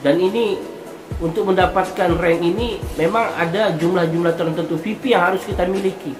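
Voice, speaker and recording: A man explaining something to viewers in a monologue, speaking deliberately in halting phrases and repeating words for emphasis. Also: high-pitched, fairly even intonation. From Indonesia. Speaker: online content creator. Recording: roomy echo with music behind. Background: music.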